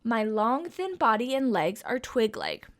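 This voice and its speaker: Very animated, with a slightly high voice and a pace a touch slow, a young storytime reader shares a picture book with children. Her questions to the kids come out sing-song and coaxing.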